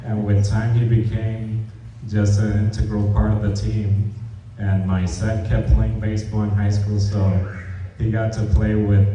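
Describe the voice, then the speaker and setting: A man with a low, very dark and mellow voice tells loose stories of a coach at a memorial, halting on filler words. He is heard from far off in a big echoey hall, the sound muffled and dull. A faint hum sits behind him. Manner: informal, rambling, many "uh"s. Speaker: parent speaking at a memorial. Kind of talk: personal storytelling at a memorial. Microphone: distant room mic.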